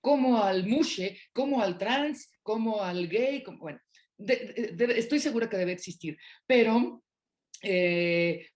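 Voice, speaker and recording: A woman's voice: medium pitch, darkish tone. Hesitant woman co-host with a Mexico City accent. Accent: Mexico City Spanish. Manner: rambling, hesitant with many fillers. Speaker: podcast co-host. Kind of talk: casual panel discussion.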